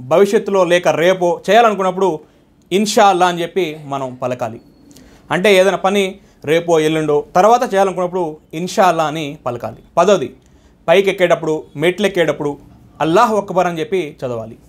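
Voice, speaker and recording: Brisk, high-voiced man teaching religious phrases. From India. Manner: brisk, listing points in order. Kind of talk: instructional talk to camera.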